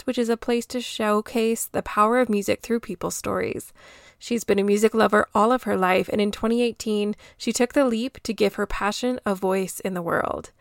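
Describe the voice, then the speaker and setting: A woman hosting a podcast interview, talking in an upbeat, earnest way. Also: mid-range voice. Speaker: podcast host.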